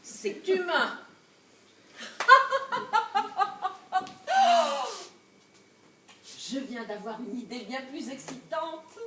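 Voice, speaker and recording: A scorned wife, fiery and scheming, played by a woman on a theatre stage in a live comedy. Her voice sits high, and her speech is slow and deliberate. She laughs through her plots and drops to low asides. The sound is roomy and picked up from a distance. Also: expressive, slight background noise. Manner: laughing, swinging between loud outbursts and low asides. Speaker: stage actress. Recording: echoey stage recorded from far off.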